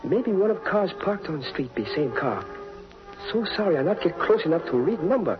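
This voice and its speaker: High-voiced loyal sidekick Cato. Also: male voice, big pitch swings, normal speed. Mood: anxious, determined. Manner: clipped broken English, thinking aloud. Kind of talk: 1940s radio acting. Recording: dull 1940s radio broadcast, music behind.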